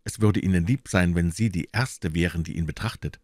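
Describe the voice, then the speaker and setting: An earnest Victorian doctor speaks with heartfelt sincerity, slightly above a deep voice, as a male narrator voices him. The recording is close and dry. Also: a little fast, a little mellow, no room sound. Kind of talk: audiobook reading.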